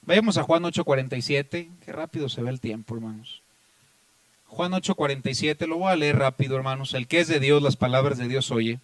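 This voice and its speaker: A man with a Mexican accent preaching a Bible study sermon, often addressing his listeners as brothers and swinging between loud raised passages and quiet asides. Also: mid-range voice, brisk, dry recording. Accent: Mexican Spanish. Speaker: pastor.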